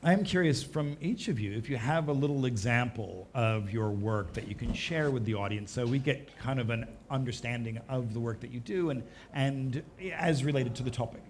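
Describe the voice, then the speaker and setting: A man's voice: medium pitch, normal speed, few pauses, slight background noise. A man moderating a live festival panel, easygoing and conversational as he prompts the speakers. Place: festival stage before an audience.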